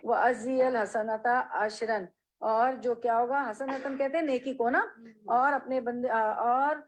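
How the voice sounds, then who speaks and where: A woman, a religious teacher, leads a hadith class in a fairly high, steady voice. She reads each Arabic phrase slowly, then explains it and quizzes her listeners with questions. The audio is poor.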